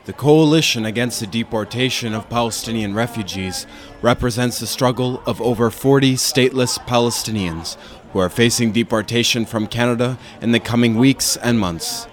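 A male field reporter narrating a news report in a measured, even way. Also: medium pitch.

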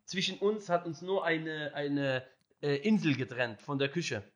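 A young man telling a story in animated, laughing style, mimicking other people as he goes. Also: a little high, a little slow. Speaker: podcast guest telling a story.

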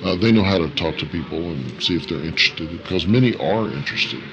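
A man giving thoughtful, halting interview answers as a guest, his voice electronically disguised. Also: lively intonation, a bit bright. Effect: disguised voice, electronically lowered. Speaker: interview guest, missionary worker. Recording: music under the voice. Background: music.

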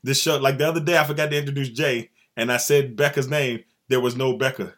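A man hosts a sports podcast in a relaxed, joking way. His voice is bright and forward. He keeps up an easy banter with his cohost. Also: medium pitch, fast talker. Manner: laid-back, joking, chatty with cohost. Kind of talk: casual sports podcast chat.

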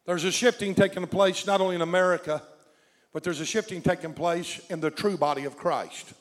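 A man's voice: high voice, fairly quick. A man with a Southern US accent preaching a sermon in short, emphatic phrases. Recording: long echoing hall reverb.

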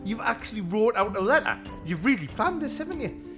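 A man's voice: high-pitched, big pitch swings, fairly quick, over music. A man in his thirties, complaining and grumbling as a player in a tabletop game. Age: 30s.

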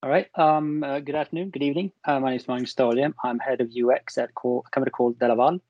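A man's voice: medium pitch, fairly even intonation, quick pace, darkish tone, no echo. A man from Sweden chatting casually as a panel guest, jokey and self-deprecating. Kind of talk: casual podcast chat. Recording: dull lo-fi remote audio.

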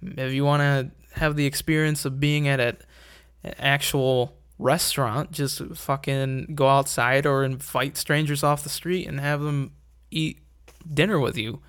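A man's voice: mid-range voice, steady tone, unhurried, fairly bright tone, clear, resonant tone. Young male host, casual profane rant, wry and rambling.

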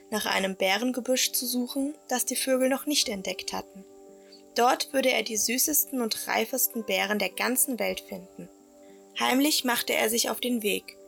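A woman tells a children's story in a gentle, expressive way. Her fairly high voice carries a gravelly edge, and soft music plays faintly beneath her. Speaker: narrator. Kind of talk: storybook narration for a radio play.

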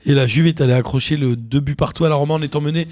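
A man's voice: a little high, racing, a little mellow, no room sound. A man, co-hosting a football chat, running through scores with a teasing tone. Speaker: football podcast co-host. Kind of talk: reading results in casual chat.

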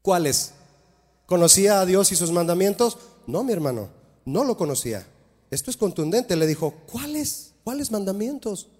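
A man's voice: high-pitched, animated, moderate pace, a little mellow. Pastor guy preaching, punchy and emphatic, lots of questions to the crowd, echoey church hall. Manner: emphatic, rhetorical questions to the congregation. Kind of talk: sermon. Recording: long hall reverb.

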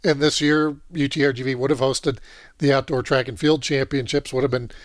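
A man's voice: mid-range voice, fairly even intonation, fairly quick, dry recording, studio quality. A man hosting an interview, easygoing, with brief acknowledgments. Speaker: interview host. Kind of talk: radio interview.

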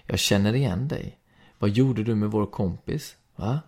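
A man voicing aggressive teenage boys in a read-aloud story, with loud, hostile delivery. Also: deep voice, big pitch swings, gravelly, husky, full character voice. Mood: shouting. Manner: shouted, hostile lines.

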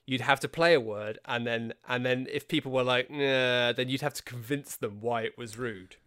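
A man's voice: medium pitch, moderate pace, a bit bright, clear, resonant tone. A man from England chats on a podcast with a mid-range voice. He tells anecdotes wryly, poking fun at himself. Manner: wry, self-deprecating storyteller. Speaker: podcast co-host. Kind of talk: casual chat.

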